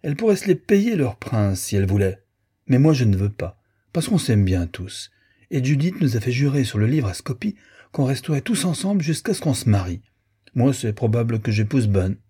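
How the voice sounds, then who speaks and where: A man voicing a self-important little girl with a shrill, drilling voice in an audiobook. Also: expressive, normal speed, mellow, slightly rough. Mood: haughty.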